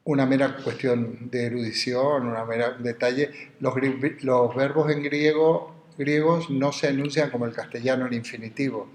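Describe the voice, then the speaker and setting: Noticeable room echo and a faint hiss or hum surround a male lecturer teaching university philosophy. Speaking at a middle pitch with fairly even intonation, he wanders into side remarks, explains Greek terms unhurriedly and spells words out.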